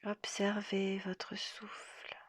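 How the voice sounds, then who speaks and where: In a breathy half-whisper, a woman guides a yoga nidra relaxation, speaking softly and gently with long, measured pauses. Her mid-range voice stays monotone, and the studio-quality recording has no room sound.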